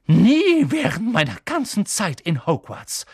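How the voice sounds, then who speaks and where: A man's voice: on the high side, wildly swooping pitch, measured pace, vocal fry, a bit bright, husky, no room sound, clean studio sound, heavily acted. A man voicing Professor McGonagall, a stern elderly female teacher who scolds sharply. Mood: outraged.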